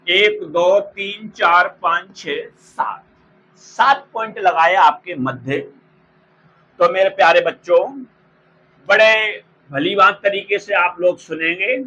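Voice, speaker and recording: A man teaching an exam-prep grammar lesson, repeating each term slowly for students to write down and calling them by fond names. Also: sits high, pushed and bright, highs cut off, slight background noise. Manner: slow, repeats terms for dictation; addresses students fondly.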